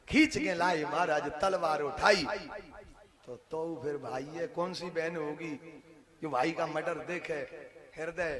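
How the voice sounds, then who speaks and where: A man telling a devotional story as a preacher, lively and acting out voices, with bursts of song. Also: a little high. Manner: lively, acts out voices, breaks into song, laughs. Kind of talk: devotional katha storytelling with singing. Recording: music playing behind.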